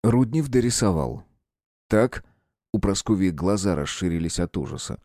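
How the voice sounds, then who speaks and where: A man narrating an audiobook in an expressive, varied reading style. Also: sits low, fairly quick, no echo, clean studio sound. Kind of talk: scripted narration.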